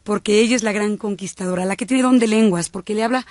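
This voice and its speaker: A woman's voice: mid-range voice, fast talker, darkish tone, no room sound, clean studio sound. A woman with a Mexican accent, a singer and speaker, talking fervently on a radio talk show. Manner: fervent, flowing religious speech. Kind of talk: devout talk show conversation.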